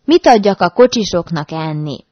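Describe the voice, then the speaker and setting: A woman's voice: fairly low pitch, lively intonation, no room sound, close to an everyday voice. A woman voicing a sturdy, outspoken female cook who talks bluntly. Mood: insistent. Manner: blunt, insistent. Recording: dull dry recording.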